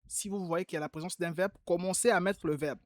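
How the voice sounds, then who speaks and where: A man's voice: high-pitched, steady tone, fast, no echo, clean studio sound. Patient man correcting homework aloud. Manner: patient, repeats key points emphatically. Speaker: Arabic teacher. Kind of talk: online class, correcting homework.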